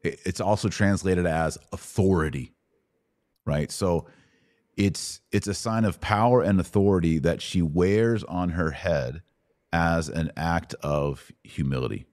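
In a conversational podcast, a host and Bible teacher with a very low, darkish voice answers questions about scripture. He explains things patiently, step by step, at an unhurried pace, checking understanding with short rhetorical tag questions. The recording is dry and close, free of room reflections.

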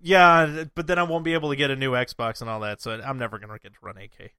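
A man's voice: mid-range voice, fairly even intonation, quick pace, bright, forceful tone, clear, resonant tone, no room sound, clean studio sound. A man co-hosting a podcast, chatting easygoing about tech gear. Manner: easygoing, nerdy tech talk. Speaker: podcast co-host. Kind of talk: casual chat.

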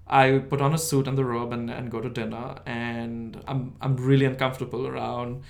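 A man's voice: medium pitch, level tone, normal speed, vocal fry. A man from India, telling stories in an interview with a self-deprecating, laughing manner. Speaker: guest. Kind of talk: interview storytelling.

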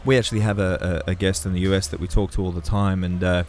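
Low-voiced enthusiastic male podcast host. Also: little pitch movement, quick pace, darkish tone, slight background noise. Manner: enthusiastic, stammering restarts. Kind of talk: casual podcast interview.

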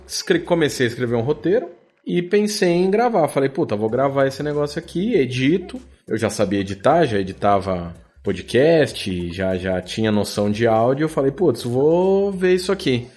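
Joking around in slangy, informal speech, a Brazilian-accented audio drama producer sits as a guest on a casual conversational podcast. He sounds animated and a little mellow in a mid-range voice at a normal speed.

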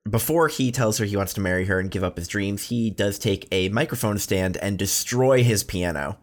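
A man co-hosting a casual film podcast, recapping the plot in a relaxed way. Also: on the low side, normal speed. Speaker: podcast co-host.

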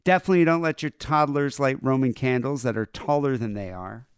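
A man's voice: mid-range voice, brisk, smooth, dry recording, studio quality. A man hosting a podcast in casual, rambling chat with lots of fillers. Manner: laid-back, rambling with fillers. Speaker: podcast host.

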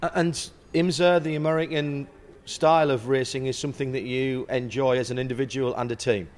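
A man's voice: mid-range voice, steady tone, fairly quick. A man asking questions as the interviewer in a motorsport interview. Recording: background noise, ambient sound.

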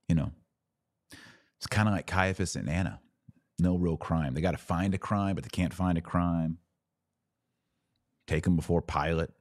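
On a live commentary show, an American podcast host with a very deep voice answers audience comments. He's blunt and opinionated, hammering points home by repeating phrases. His voice is a little mellow, and the recording is dry, with almost no room sound and no echo.

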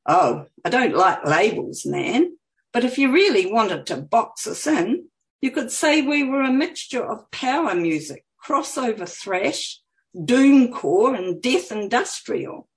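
A woman's voice: fairly high pitch, sing-song, slow, distant mic, full character voice. A woman reading the part of a laid-back young man in a metal band, in a casual drawl.

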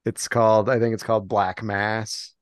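A man's voice: fairly low pitch, flat delivery, normal speed, dry recording. A man co-hosting a podcast in casual chat, rambling from topic to topic and laughing often. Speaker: podcast co-host.

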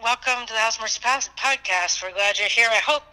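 A woman's voice: fairly high pitch, quick pace, pushed and bright. A woman hosting a church podcast in casual chat, with a reverberant echo on the recording.

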